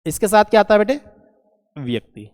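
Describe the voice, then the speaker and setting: A man's voice: high-pitched, sing-song, brisk, darkish tone, in a large hall. A man teaching an English vocabulary lesson, repeating key words and quizzing his students.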